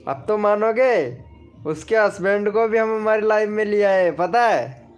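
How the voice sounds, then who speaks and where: A man's voice: high voice, unhurried. Chatty Hindi-speaking man live-streaming over music. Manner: chatty, reads viewer names and comments aloud. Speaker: live stream host promoting channels. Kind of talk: casual live-stream chat with viewers. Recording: faint background music.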